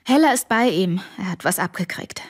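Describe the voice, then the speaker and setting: A woman's voice: medium pitch, expressive, normal speed, lightly acted. Woman reading as a shaken neighbor dad, hesitant and worried, stops and starts. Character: worried neighbor father, middle-aged man. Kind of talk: audiobook reading.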